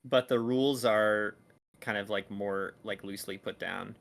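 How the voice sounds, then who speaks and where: A man's voice: lowish voice, fairly even intonation, a little slow, vocal fry. A man running a tabletop game as dungeon master, explaining rules in a loose, rambling way with lots of "like" and restarts. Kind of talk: casual tabletop game chat.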